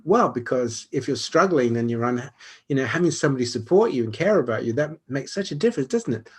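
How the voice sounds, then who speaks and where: A man voicing an earnest therapy client who explains how he would support a friend, in a slightly raised husky voice. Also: mid-range voice, animated, fast.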